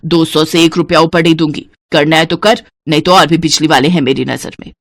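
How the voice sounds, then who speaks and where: A stingy, scheming mother-in-law, as a woman voices her in a cartoon story, bossing her household about every penny. Her voice sits low and sounds dry and close. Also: steady tone, fairly quick, no echo. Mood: scolding. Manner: penny-pinching, scolding, bossy. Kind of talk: cartoon voice acting.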